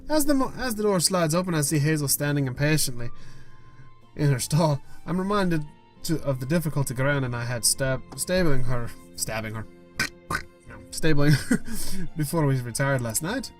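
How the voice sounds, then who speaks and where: Animated man reading a game. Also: a little high, soft background music. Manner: expressive reading with quick asides and laughs. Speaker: gaming YouTuber. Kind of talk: reading game text aloud as narration.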